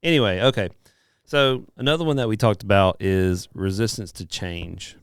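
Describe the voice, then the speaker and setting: Middle-aged guy cohosting, really deep smooth voice, laid back, dry close mic. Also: normal speed, no room sound. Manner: relaxed, chuckles easily. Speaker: podcast co-host. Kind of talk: casual chat.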